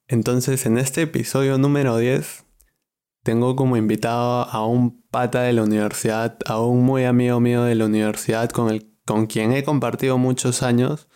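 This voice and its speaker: A young man in his twenties hosts a podcast with a relaxed Peruvian Spanish accent. He talks in an easygoing, chatty way at a middle pitch and laughs easily between thoughts. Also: moderate pace, smooth. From Peru. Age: 20s. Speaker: podcast host. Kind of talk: casual podcast chat.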